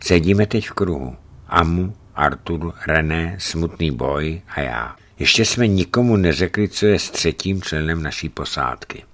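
A man narrating a travel story in a measured, serious first-person reading. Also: low-pitched, lively intonation, fairly bright tone.

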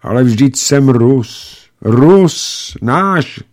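A man's voice: mid-range voice, animated, darkish tone, voice pushed up, lightly acted. A man voicing an exhausted downed pilot who speaks faintly and pleads to be believed. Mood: pleading.

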